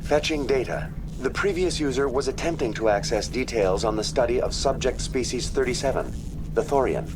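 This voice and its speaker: A man voicing a calm, polite computer terminal AI in a video game, speaking in a formal, bureaucratic way. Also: medium pitch, normal speed, noisy background, lightly acted. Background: game music.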